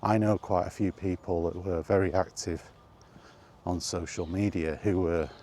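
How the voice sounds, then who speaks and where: Deep and dark-toned, the man speaks at a moderate pace with fairly even intonation, and a little hiss or hum sits in the recording. As a vlogger on foot with ambient sound behind him, he rambles in a tired, grumbling, casual manner typical of a freewheeling solo vlog.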